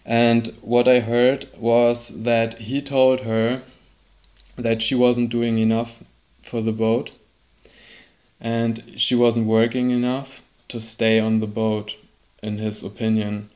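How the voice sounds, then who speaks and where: A man telling a personal sailing story in a halting way, often repeating and restarting words. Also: medium pitch, level tone, darkish tone, muffled recording. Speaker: sailor recounting a trip.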